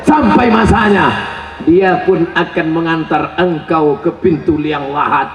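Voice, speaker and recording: A man preaching a joking, animated sermon to a crowd, shouting questions at his listeners. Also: fairly high pitch, unhurried, noisy background. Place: large event hall. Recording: echoey, dull lo-fi sound.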